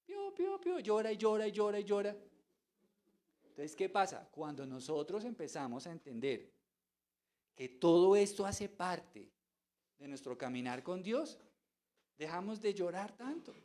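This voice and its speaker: A man's voice: sits high, lively intonation, measured pace, pauses often, darkish tone. A man preaching a sermon as pastor, asking rhetorical questions and mimicking voices. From Colombia.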